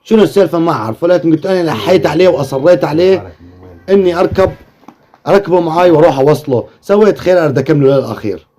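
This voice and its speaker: Guy telling stories real fast, kinda high voice, warm and earnest. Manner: folksy, earnest, moralizing. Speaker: storyteller. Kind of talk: spoken storytelling.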